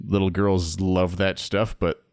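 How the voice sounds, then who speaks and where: Male podcast co-host, 30s, low voice, wry chatty delivery, dry recording. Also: little pitch movement, a little slow, a little mellow, smooth, no echo. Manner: chatty, wry, reads from a list. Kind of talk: casual podcast chat.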